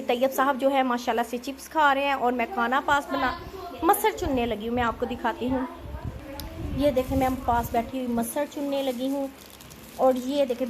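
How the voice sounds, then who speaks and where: Chatty Pakistani mom vlogging at home. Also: female voice, high-pitched, low-quality recording. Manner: chatty, addresses viewers politely with "ji". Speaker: family vlogger and mother. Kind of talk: casual home vlog narration to viewers. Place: home kitchen and bedroom, indoors. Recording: household background noise.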